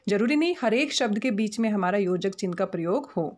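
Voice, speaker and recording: A woman teaching Hindi grammar over slides, patient and methodical, slowing down to spell out each example word. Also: mid-range voice, animated, darkish tone.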